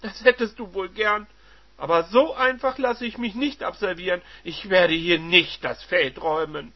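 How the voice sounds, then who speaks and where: A man voices a furious, humiliated middle-aged wife shouting shrill accusations at a normal speed. The recording is dull and lo-fi.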